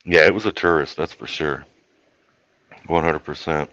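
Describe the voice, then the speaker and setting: A man's voice: extremely low pitch, moderate pace, a bit bright, dry recording, dull audio. A man with a South Texas accent chatting casually on a livestream in a folksy, rambling way. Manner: folksy, rambling, colloquial drawl. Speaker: YouTube host.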